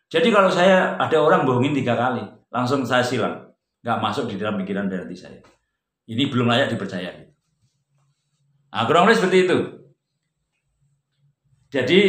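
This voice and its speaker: A man giving an informal religious study talk, conversational, jumping from loud emphatic peaks to quiet, low asides. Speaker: religious teacher. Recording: roomy echo.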